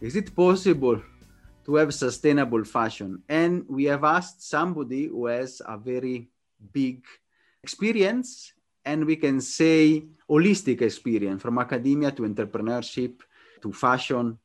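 Podcast host with a halting, eager manner. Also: male voice, medium pitch, animated, soft background music. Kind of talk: interview.

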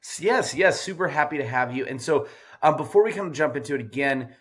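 A man's voice: a little high, expressive, a little fast, a bit bright, breathy edge. A man hosting a podcast, enthusiastic and jokey, talking over a remote call. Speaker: podcast host. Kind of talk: energetic podcast intro and interview. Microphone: remote call recording.

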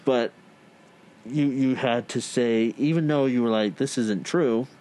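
Chatty man in relaxed conversation. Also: medium pitch, a little slow. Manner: chatty, quotes friends in a raised playful voice. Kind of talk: casual chat.

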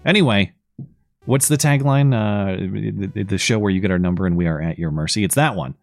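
A man co-hosting a live call-in show, slightly hoarse from losing his voice, talking in a wry, rambling way with frequent restarts. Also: fairly low pitch, fairly quick, no echo, soft background music. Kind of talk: casual live show chat.

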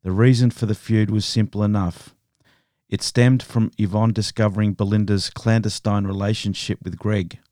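A man hosting a podcast, narrating a true crime story in a steady, measured way. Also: on the low side, dry recording, studio quality. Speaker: podcast host.

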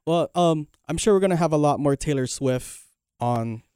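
A man co-hosting a sports talk show in casual chat, giving steady, measured analysis. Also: fairly high pitch, clean tone, dry recording. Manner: steady, measured analysis with many "you know" fillers.

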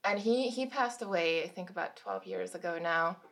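A woman's voice: on the low side, normal speed, gravelly, a bit bright. A woman in her thirties from Germany, a guest author casually telling stories about her life and laughing between anecdotes. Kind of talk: casual storytelling.

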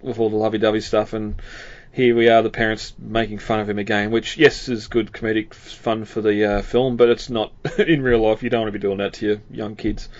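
A man's voice: on the low side, level tone, brisk, few pauses, dry recording, highs cut off. A man co-hosting a casual film podcast, rambling with lots of fillers and frequent chuckles. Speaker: podcast co-host.

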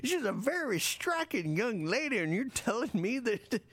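A man's voice: extremely high pitch, very animated, fairly bright tone, heavily acted. A man playing a flustered elderly male newspaper reporter who halts and gets easily shocked. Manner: halting, easily shocked, nervous laughter.

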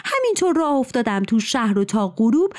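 A woman storyteller voicing a poor, quick-tempered male cobbler who brags loudly. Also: on the high side, very animated. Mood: boastful.

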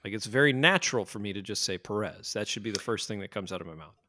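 A man's voice: on the low side, animated, fast talker, pushed and bright, dry recording, studio quality. An American man hosting a casual podcast chat, joking and steering the talk. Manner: joking, leads the conversation. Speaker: podcast host.

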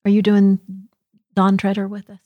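A woman talking as a guest in a casual studio conversation, animated and quick to laugh. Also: mid-range voice, dry recording, highs cut off. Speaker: curriculum specialist guest. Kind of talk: casual chat.

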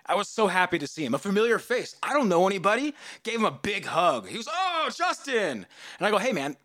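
Animated man in his thirties telling a story. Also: fast, no room sound, studio quality. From United States. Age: 30s. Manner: animated, swings into loud high-pitched voices for quoted people. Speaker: podcast host. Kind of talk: casual storytelling.

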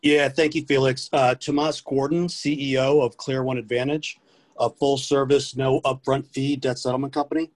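A man speaking as a company executive on a panel, relaxed and casual, with many fillers. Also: medium pitch, moderate pace.

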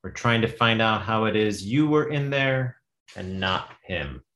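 A man playing a measured, formal prison official in a script read. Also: fairly low pitch, lively intonation, a bit bright. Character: measured, official prison authority explaining a predicament.

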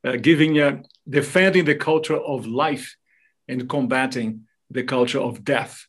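As a guest in an interview, a Brazilian native Portuguese speaker explains devotional subjects in a Brazilian accent. He talks at a measured pace, with a medium-pitched, slightly bright and slightly rough voice.

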